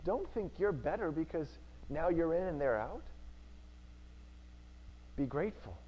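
A man's voice: on the high side, big pitch swings, unhurried, muffled recording. A male preacher giving an earnest sermon in church, repeating key phrases for emphasis.

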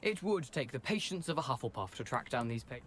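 A man's voice: medium pitch, big pitch swings, fast, a bit bright, a little hiss or hum. Wry young male ghost. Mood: wry, reluctant. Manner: wry, theatrical. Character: ghost of young man, wry, reluctant former schoolboy. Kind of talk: video game voice acting.

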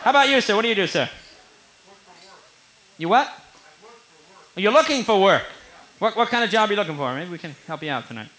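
A man in his thirties doing stand-up crowd work in a comedy club, teasing the audience with quick, animated riffs. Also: high voice. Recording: live club recording with faint room noise.

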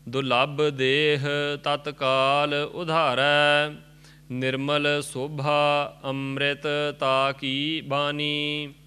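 A man recites scripture in a slow, drawn-out chant, line by line. His voice is bright and very clear, with a higher pitch than most men. The melody stays narrow and even. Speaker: student reciter.

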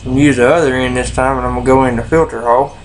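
A man's voice: mid-range voice, very fast, low-quality recording. A man talks with a pipe in his mouth, casually talking through each step of a how-to demonstration. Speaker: pipe hobbyist. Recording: steady background noise.

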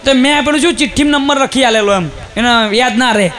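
A man with a Gujarati accent telling a comic story on stage, animated and shouting punchlines as he acts out the people in it. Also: very high voice, fast talker, some chatter behind. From Gujarat, India. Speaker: stand-up comedian.

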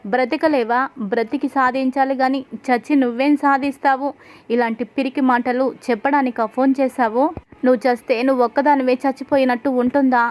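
A woman's voice: high-pitched, close to an everyday voice. Woman voicing a stern scolding sister-in-law. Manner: scolding, forceful lecturing.

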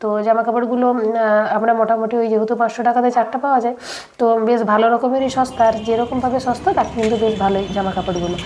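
A woman's voice: fairly high pitch, steady tone, racing, a little mellow. A young woman, narrating her daily-life vlog while she has a cold, chatty and speaking straight to viewers with many fillers. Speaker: vlogger.

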